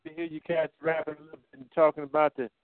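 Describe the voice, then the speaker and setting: A man's voice: a little high, level tone, very fast. A man calling in to a radio show in easygoing hip slang, his voice breaking up and cutting out over a poor phone line. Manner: friendly, easygoing hipster slang. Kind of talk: casual call-in chat. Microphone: telephone. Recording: tinny phone line that cuts out.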